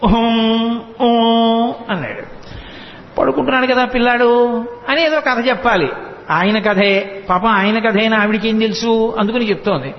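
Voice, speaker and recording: A man's voice: sits high, moderate pace, pauses often. A man giving a devotional storytelling discourse, acting out the characters' voices and chanting verses. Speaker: religious discourse speaker. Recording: echoey hall, dull lo-fi sound.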